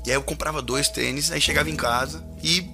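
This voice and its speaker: A man, a podcast guest telling stories in an animated, slangy way and swearing freely. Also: fairly high pitch, fast, vocal fry, faint music behind. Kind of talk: casual storytelling.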